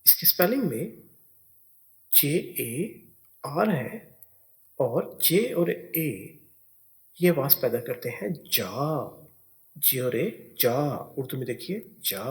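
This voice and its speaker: A man teaching English spelling and pronunciation, spelling words out letter by letter. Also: a little high. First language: Urdu.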